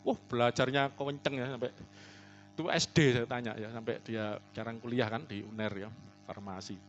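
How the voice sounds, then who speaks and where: A male pastor preaching a conversational sermon, telling stories and often calling his listeners "saudaraku", moving between loud emphasis and soft, hushed asides. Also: mid-range voice, steady tone, brisk, highs cut off, a little hiss or hum. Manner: chatty, storytelling, often calls listeners "saudaraku". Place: church service.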